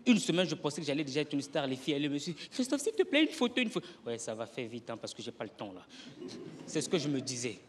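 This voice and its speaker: A man's voice: medium pitch, fast talker. A young man from Congo performing a stand-up comedy set, telling stories and acting out the voices of the people in them. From Congo (Brazzaville). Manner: animated storytelling, acting out voices of others. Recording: live stage with audience noise.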